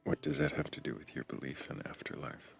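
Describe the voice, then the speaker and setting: A man in the role of questioner, casually putting short probing questions. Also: a little fast.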